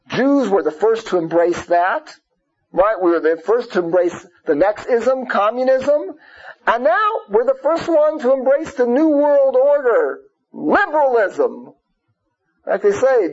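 A man's voice: sits high, a little mellow, husky. A man giving an emphatic religious lecture, repeating phrases, asking rhetorical questions and peppering his English with Yiddish and Hebrew terms. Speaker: religious teacher. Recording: dull lo-fi radio-like sound.

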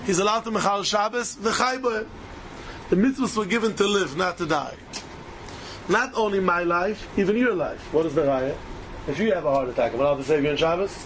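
A man's voice: high voice, fairly bright tone, a little hiss or hum, rough recording. A man with a Yiddish accent teaching a Talmud lesson, emphatically asking rhetorical questions and repeating key phrases as he answers them. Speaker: Torah teacher.

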